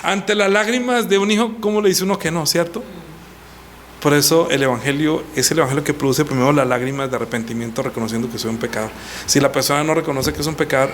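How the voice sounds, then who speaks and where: A man teaching a baptism class as a pastor, animated, reading scripture aloud and voicing quoted lines. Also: slight background noise. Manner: animated, rises high for quoted voices, reads scripture aloud. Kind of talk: teaching sermon.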